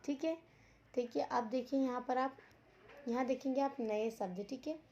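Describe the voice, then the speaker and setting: A woman teaching an online lesson to young children, speaking slowly and deliberately, repeating words and asking questions as she goes. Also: sits high, a little mellow, slight background noise. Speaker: school teacher.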